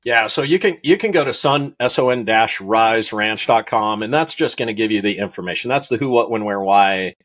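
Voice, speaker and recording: A middle-aged man from Wyoming, a rancher, chatting in an interview and telling animated stories, acting out the voices of people in his anecdotes and laughing often. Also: fairly low pitch, fairly quick, hardly any pauses. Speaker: rancher guest. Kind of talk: casual interview storytelling.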